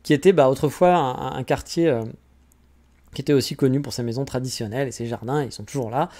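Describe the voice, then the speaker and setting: A Frenchman hosting a podcast speaks at a quick pace in a mid-range, dark-toned voice. He rambles casually about travel, chatty and self-mocking.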